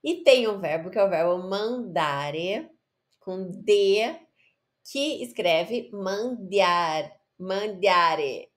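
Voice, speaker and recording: A woman gives an Italian lesson in at an unhurried pace. She reads short lines of Italian, then translates and repeats each word to drill the pronunciation. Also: medium pitch, lively intonation. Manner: explains Italian words in Portuguese, repeats and corrects pronunciation. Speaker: Italian teacher. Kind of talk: online language lesson.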